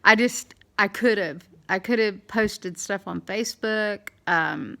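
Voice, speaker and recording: A middle-aged woman with a slight lisp, talking candidly in a halting, rambling way as in a casual video diary. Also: mid-range voice, gravelly, fairly bright tone. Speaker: dental implant patient vlogger.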